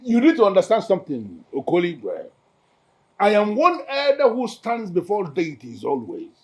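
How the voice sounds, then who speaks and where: An actor with a Nigerian accent playing a solemn village elder who lectures and insists. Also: male voice, high voice, huge pitch swings, normal speed, darkish tone, full character voice. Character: solemn older male elder of the council.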